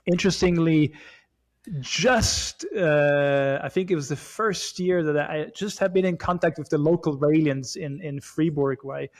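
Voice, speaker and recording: A Swiss man in his forties is a guest in a relaxed, casual chat. His voice is a little high for a man, and he talks haltingly, full of fillers, repeated words and restarts.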